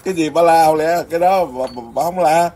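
A man's voice: on the high side, fast talker, mellow. A man who is a Buddhist monk, chatting casually and teasing, laughing often. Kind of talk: casual chat. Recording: noisy background.

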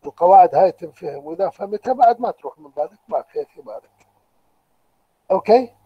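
Speaking quickly and with animation, this Iraqi-accented male lecturer has a high, slightly rough voice. He patiently breaks down the material step by step and asks the class questions during an online university session, captured lo-fi on a computer microphone.

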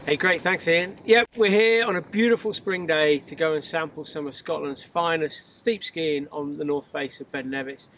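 A middle-aged man, a mountain guide giving clear, upbeat instructions outdoors. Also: a little high, moderate pace, hardly any pauses, a bit bright, a little hiss or hum.

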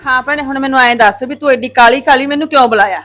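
A reasonable aunt, asking questions in a high, quick voice. She stays calm and measured as the family argues in this drama. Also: soft background music. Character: calm middle-aged aunt urging patience.

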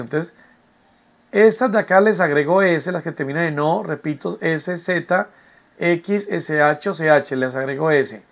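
Man, teacher at home, fairly high voice, patient, repeats rules, checks understanding. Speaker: English teacher. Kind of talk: recorded online class explanation.

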